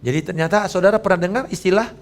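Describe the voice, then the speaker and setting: A man in his fifties, a pastor preaching a sermon in a lively way and joking with the congregation. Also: high voice, very fast.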